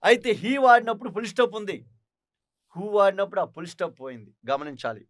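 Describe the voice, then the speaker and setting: High-voiced man teaching, dry sound. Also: big pitch swings, quick pace, fairly bright tone, dry recording. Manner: explains step by step with frequent rhetorical questions. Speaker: English teacher. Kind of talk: recorded classroom lesson. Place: online teaching studio.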